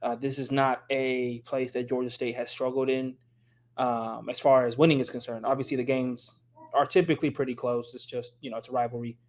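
A man's voice: medium pitch, level tone, a little fast. A man co-hosting a sports podcast, giving opinionated analysis in casual chat and teasing rival fans. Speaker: podcast co-host.

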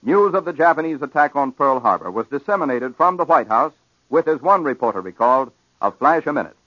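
A man reading the news as a network announcer in a measured, formal style, heard as an old 1940s radio broadcast. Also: mid-range voice, animated, fairly bright tone, dry recording. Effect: old 1940s radio broadcast, archival newsreel sound. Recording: dull lo-fi 1940s radio recording, dry.

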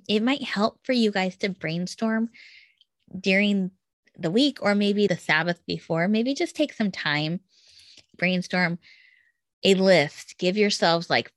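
A woman's voice: on the low side, a bit bright, no echo. A woman in her thirties hosting a casual solo advice talk, explaining things step by step in an upbeat, tidy, encouraging way. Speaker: podcast host giving relationship advice. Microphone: close microphone, dry sound.

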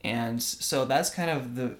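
Slightly slow and medium-pitched, a young male co-host born in Russia chats earnestly on a laid-back podcast about religion. "Right?" keeps popping up as he checks in with his listeners.

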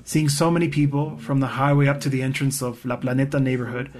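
A man's voice: medium pitch, little pitch movement, fast talker, a little mellow. Earnest man voicing a translated testimony. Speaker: voice-over interpreter. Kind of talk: first-person testimony read in translation.

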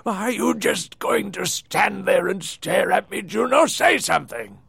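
An older idealistic mayor in an audio drama, deeply creaky and husky. He speaks slowly and haltingly, with earnest, pleading swings of pitch. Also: animated, a bit bright, dry recording, exaggerated voice. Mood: frustrated. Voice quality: gravelly, husky. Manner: halting, deliberate, muttering to himself.

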